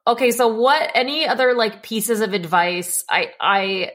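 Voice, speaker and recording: A woman's voice: fairly high pitch, unhurried, a bit bright. A woman co-hosting a podcast, chatting casually and telling stories with many "like" fillers. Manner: rambling storyteller with many "like" fillers. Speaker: podcast co-host.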